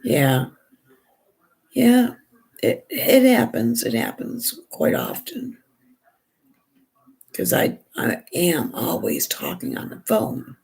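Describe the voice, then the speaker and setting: A hoarse woman with a gravelly, raspy voice, chatting in a rambling way and restarting often while she does her makeup for a vlog. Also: deep voice, wildly swooping pitch, slow, pauses often, a little mellow. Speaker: beauty vlogger. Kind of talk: casual chat while doing makeup.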